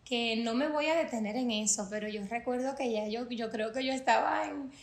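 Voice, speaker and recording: A Cuban woman in her forties speaks with a Cuban Spanish accent in an earnest, heartfelt way as a podcast guest. Her voice sits a little high, and the room around her echoes. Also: normal speed. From Cuba. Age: 40s. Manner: earnest, emotional storytelling. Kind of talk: personal testimony in a podcast interview.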